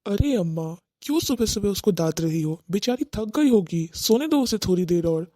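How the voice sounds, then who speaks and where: A flustered young husband in a cartoon comedy, played by a woman, with a mellow, soft tone and a medium pitch. He keeps pleading to calm his mother and his wife. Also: moderate pace, natural voice. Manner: pleading, placating.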